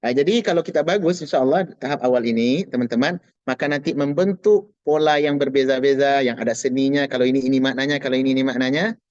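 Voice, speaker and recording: A man teaching an online Arabic class in a patient, reassuring way, saying each word slowly for students to repeat. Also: mid-range voice, darkish tone, no room sound, lo-fi sound. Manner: slow drilled pronunciation of Arabic words. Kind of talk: online language lesson.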